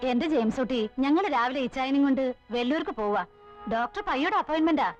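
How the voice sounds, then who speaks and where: A fussy aunt in a film drama, talking quick and loud. Her voice is high, and the sound is slightly dull, with faint music under it. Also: lively intonation.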